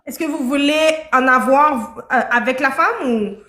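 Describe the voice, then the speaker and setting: A woman with a high, bright voice hosts a live-stream dating show and keeps pressing her guest with probing questions. The sound is roomy and echoey. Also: unhurried.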